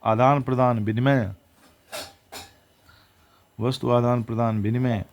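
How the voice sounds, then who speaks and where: Man, unhurried drill of word pairs, mid-pitched voice, self-correcting teacher. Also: fairly even intonation, a little mellow, dull audio. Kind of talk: exam vocabulary drill.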